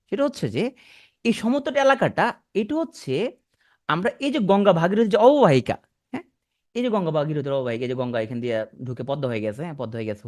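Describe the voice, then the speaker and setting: A man teaching an exam prep class, talking quickly and repeating key points for his students. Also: fairly high pitch. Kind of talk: classroom lecture.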